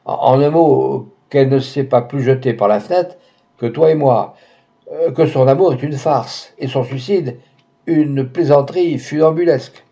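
A distraught young man rages and protests in a raised voice, as a male reader plays him. The tone stays mellow underneath, on a dull lo-fi recording. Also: mid-range voice, unhurried, vocal fry. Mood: outraged. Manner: agitated, loud, outraged.

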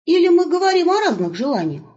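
A woman's voice: very high-pitched, voice pushed up. Woman playing a cheeky young wolf lad. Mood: puzzled. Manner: slangy, excited, quick. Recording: muffled lo-fi recording.

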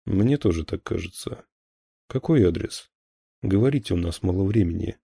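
A man's voice: sits low, lively intonation, normal speed, gravelly, dark tone, husky, no echo, clean studio sound, exaggerated voice. A man voicing a hard middle-aged male lieutenant colonel who gives curt questions and orders. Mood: cold, pressing.

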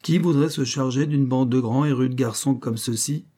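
A man putting on a stern, sharp-tongued mother. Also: mid-range voice, normal speed, pitched above the performer's own voice, natural voice. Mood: wry. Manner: dry, scolding, lecturing.

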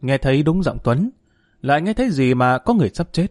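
A man narrating an audiobook in a measured, steady storytelling voice, with hesitant fillers when he addresses listeners. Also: fairly high pitch, dry recording, clean studio sound.

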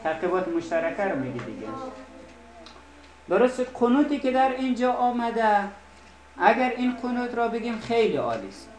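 A man teaching an Arabic recitation class, speaking slowly and deliberately and repeating words to correct pronunciation. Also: very high-pitched, big pitch swings, a little mellow. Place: seminary classroom. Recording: roomy classroom echo.

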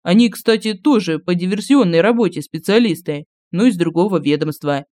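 Чтец изображает уставшего майора, негромко и уклончиво, сухая запись. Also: male voice, sits high, normal speed, darkish tone, no room sound, lightly acted. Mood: evasive. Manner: hesitant, averting, matter-of-fact. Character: army major, evasive, tired, telling a made-up story.

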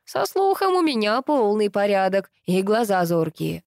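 A woman reading an audiobook, voicing a grumpy, sharp-tongued female housekeeper with a creaky, blunt, scolding manner. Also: mid-range voice, big pitch swings, moderate pace, no room sound, clean studio sound. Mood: reproachful.

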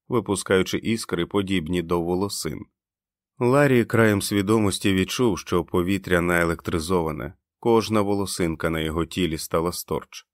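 Man, audiobook narrator, very low voice, dry close sound, measured dramatic reading. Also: no room sound.

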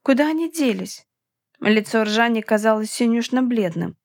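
A woman narrates a fantasy audiobook in the first person, reading steadily and with expression. Her voice sits fairly high, and the recording is dry and close. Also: expressive, moderate pace, no echo. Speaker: audiobook reader.

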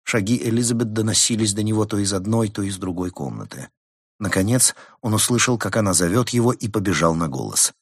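Low husky male audiobook narrator. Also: lively intonation, no echo, studio quality. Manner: measured, dramatic storytelling. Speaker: audiobook reader. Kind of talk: scripted narration.

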